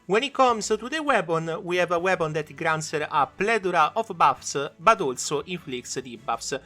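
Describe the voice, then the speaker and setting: A man's voice: a little high, lively intonation, moderate pace, pushed and bright, soft background music. A man hosting a gaming video, giving casual showcase commentary.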